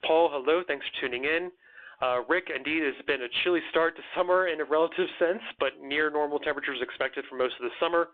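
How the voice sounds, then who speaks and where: A man with a somewhat high voice runs a live weather chat, greeting viewers and walking through storm threats. He talks earnestly, stumbles over words now and then and leans on fillers. The sound is thin and phone-like. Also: fast talker. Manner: earnest, a little stammering, many fillers. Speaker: weather forecaster hosting live Q&A. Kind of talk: live-streamed forecast chat answering viewer comments. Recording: tinny phone-like audio.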